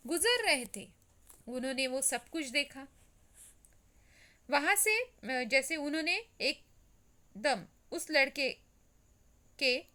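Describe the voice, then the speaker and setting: A woman's voice: high-pitched, sharp tone. A woman teacher reads a story passage aloud and then explains each line in simple words. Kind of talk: reading and explaining a Hindi lesson.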